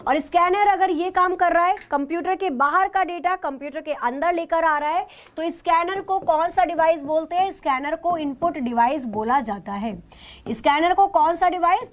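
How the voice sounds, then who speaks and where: A woman teacher taking a live online class, asking questions and then answering them herself, with English terms mixed into her talk. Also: very high voice.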